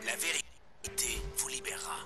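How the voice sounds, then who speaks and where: A man's voice: medium pitch, very animated, normal speed, loud music behind the voice. An actor playing a ranting, preachy male radio broadcaster in a video game, heard as a fading shortwave radio broadcast. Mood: defiant rant. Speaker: radio show host.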